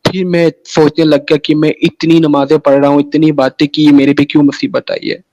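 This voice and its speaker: Rambling man, fairly high voice. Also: level tone, brisk, a little mellow, dull audio. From Pakistan. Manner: rambling, keeps repeating "sahi hai na" and restarting phrases. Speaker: interview guest. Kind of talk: emotional personal storytelling.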